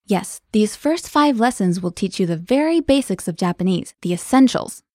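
A woman's voice: mid-range voice, lively intonation, normal speed, darkish tone, no echo. Cheerful woman teaching in a dry studio. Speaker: language lesson co-host. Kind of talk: scripted podcast lesson.

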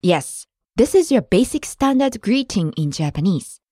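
A woman's voice: medium pitch, sing-song, measured pace, dark tone, no echo, studio quality. A woman co-hosting a scripted language lesson podcast, speaking with careful, model pronunciation.

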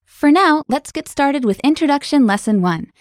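A woman co-hosting a scripted language lesson podcast, explaining clearly and brightly. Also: sits high, expressive, normal speed, no room sound, studio quality.

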